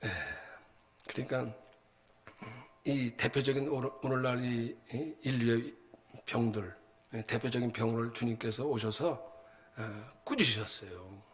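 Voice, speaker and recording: A male pastor preaching a sermon in a colloquial, animated way, often prompting the congregation with short asides and acting out everyday stories. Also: mid-range voice, a little slow, pauses often. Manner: acts out everyday anecdotes with sound words.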